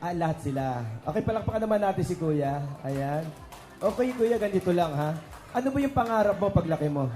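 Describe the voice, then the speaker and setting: A man's voice: high-pitched, animated, a little fast, dark tone. A man hosting a children's party as the magician, teasing the guests and leading cheers over a microphone. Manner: joking, teasing, coaxes kids and guests. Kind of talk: lively party hosting with crowd banter. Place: indoor party venue with PA speakers. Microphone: handheld microphone through PA. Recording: echoey PA sound with party music. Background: party music.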